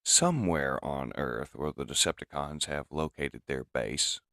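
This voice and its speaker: Very deep gravelly male narrator. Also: a little slow, no room sound, studio quality. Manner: steady, descriptive storytelling. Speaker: comic reader and narrator. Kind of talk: comic dub narration.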